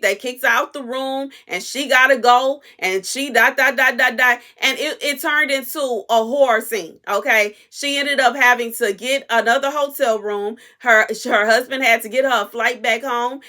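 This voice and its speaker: A woman with a fairly high, keen voice gives a prophetic word to her viewers. She talks in a loose, informal way, repeating phrases for emphasis. She speaks with plain-spoken conviction. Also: fairly even intonation, moderate pace, few pauses, pushed and bright. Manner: informal, repetitive, emphatic straight talk. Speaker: prophetic content creator. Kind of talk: casual prophetic message to viewers.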